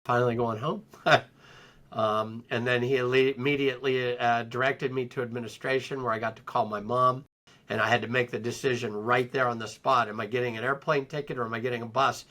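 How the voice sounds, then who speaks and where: A middle-aged man with a bright, forward voice sits as an interview guest and tells his own story. He talks in an unhurried, reflective way, often pausing on ums and restarting his sentences. His pitch sits in an ordinary middle range for a man. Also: steady tone. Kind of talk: personal storytelling in conversation.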